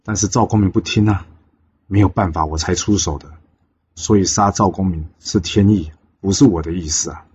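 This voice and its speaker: A man's voice: low voice, moderate pace, a little hiss or hum, lightly acted. Brief: unruffled Taoist immortal, voiced by a male narrator, dull lo-fi sound. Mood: calm. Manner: calm, reasoning.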